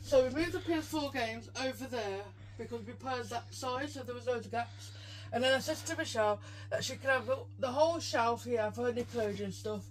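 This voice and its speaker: A woman's voice: fairly high pitch, fairly quick, few pauses, low-quality recording. A young British woman co-hosting a home vlog, out of breath from sorting shelves, talking plainly with hesitant fillers. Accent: British English. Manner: plain-spoken, hesitant, slangy. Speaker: channel co-host. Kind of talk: casual vlog chat. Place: home room with game shelves.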